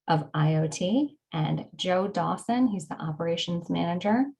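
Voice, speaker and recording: A woman's voice: on the low side, lively intonation, normal speed, gravelly, warm tone, low-quality recording. A woman opening a webinar as host, upbeat and friendly, with frequent ums. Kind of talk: scripted webinar introduction.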